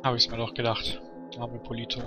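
A man's voice: mid-range voice, monotone, a little fast. Man muttering casual gameplay commentary. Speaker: let's play commentator. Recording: loud game music behind voice. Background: video game music and sounds.

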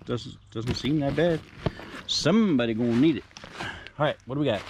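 This medium-pitched man talks at a moderate pace over background noise as he digs through storage unit finds outdoors on a rural lawn. He's a reseller vlogger filming on a body-worn camera, and his walkthrough is chatty, rambling, and sprinkled with jokes.

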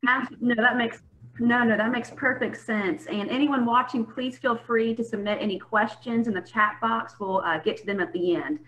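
A woman's voice: on the high side, moderate pace, fairly bright tone, poor audio. A woman hosting a live chat, upbeat and encouraging. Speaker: interview host. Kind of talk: moderating a live video chat.

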